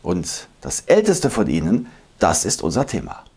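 Male history narrator, lower voice, lively animated delivery, scripted lesson read. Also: faint music behind. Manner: lively, emphatic explainer who slows to recite old verses. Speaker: history video host.

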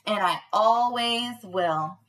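Reading to little kids in a bubbly, sing-song way, this young woman preschool teacher speaks slowly in a mid-range, slightly bright voice. A webcam recorded her inside a small panelled room.

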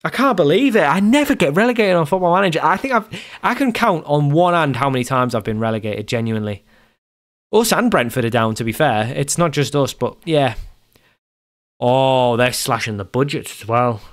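A man's voice: medium pitch, expressive, normal speed. Exasperated guy commentating a game. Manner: exasperated, self-talking, repeats himself. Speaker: gaming YouTuber. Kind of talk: casual gameplay commentary.

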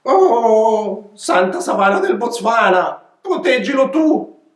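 A man's voice: sing-song, slow pace, full character voice. A man doing jittery bleating goats. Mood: pleading. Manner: high, trembling, bleating. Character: frightened bleating goat chorus, female. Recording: echoey room.

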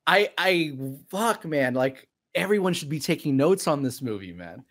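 Excitable guy cohosting a movie podcast, swears a lot, pitch jumps all over, dead dry room. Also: normal speed, dry recording. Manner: animated and excitable, swears freely. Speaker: podcast co-host. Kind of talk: casual film review chat.

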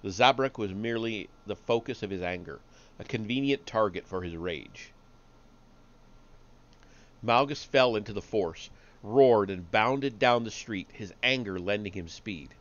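A man reading a story aloud on a live stream, steady but with small slips and restarts. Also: fairly low pitch, measured pace, lo-fi sound.

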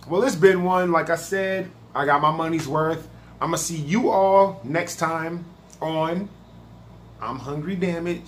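Reviewing a spicy snack for his channel, this food reaction vlogger has a fairly high, fairly bright voice with slight background noise. His talk is loose, laid-back, and full of swearing.

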